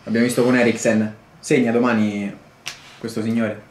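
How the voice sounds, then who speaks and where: A man's voice: medium pitch, flat delivery, moderate pace, a little mellow. Young man vlogging, roomy echo. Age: young adult. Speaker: vlogger and football commentator. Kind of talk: casual vlog chat. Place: indoors in hotel rooms and offices.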